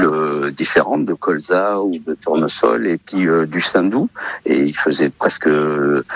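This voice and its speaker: A man in his fifties from Portugal, a radio guest talking slowly with many hesitations and fillers. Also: sits low, highs cut off. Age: 50s. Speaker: olive oil seller guest. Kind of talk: radio interview.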